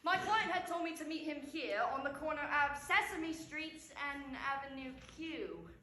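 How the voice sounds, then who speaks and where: A woman performs a comic detective tale in a high, bright voice with animated, jokey delivery. Her voice rings in a roomy, echoey space. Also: normal speed, a little hiss or hum. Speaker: speech competition performer. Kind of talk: humorous prose speech performance.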